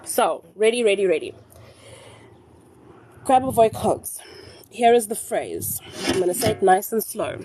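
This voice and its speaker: A South African woman hosting a phone live stream, explaining rituals slowly and repeating her instructions, slipping into Zulu phrases. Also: mid-range voice, a little mellow, a little hiss or hum. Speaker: spiritual live-stream host.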